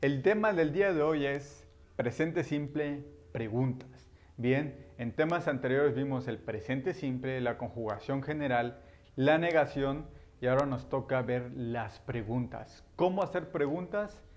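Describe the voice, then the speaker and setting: A young man, teaching a patient grammar lesson and slowing down to model example sentences. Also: medium pitch, a little mellow. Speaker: English teacher. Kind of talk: classroom-style grammar lesson.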